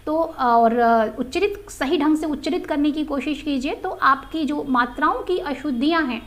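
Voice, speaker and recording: Woman, Hindi teacher, high voice, patient lesson tone, repeats example words with stress. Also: normal speed, fairly bright tone. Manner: patient, repeats "ठीक है" often and addresses students as "बच्चों"; says example words aloud twice, stressing each one. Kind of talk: recorded grammar lesson for students.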